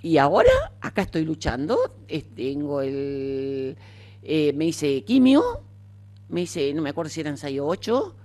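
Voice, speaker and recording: A woman's voice: low voice, huge pitch swings, measured pace, darkish tone. An older woman with an Argentine accent, telling her own story frankly and chattily in an interview, with many fillers. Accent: Argentine Spanish. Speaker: interviewee, cancer survivor. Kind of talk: casual conversational storytelling.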